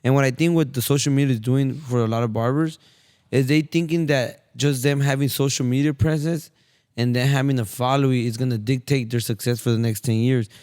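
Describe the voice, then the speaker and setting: A man hosting a podcast in casual chat, talking quickly and saying bro a lot. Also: mid-range voice, steady tone, darkish tone, smooth. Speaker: podcast host.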